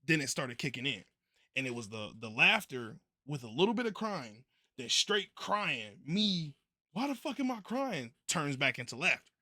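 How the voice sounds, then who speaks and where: Bright-voiced young man, laid-back slang. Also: mid-range voice, animated, moderate pace, no echo, studio quality. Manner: laid-back, profane slang-heavy delivery. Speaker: streamer telling a story. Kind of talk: casual storytelling.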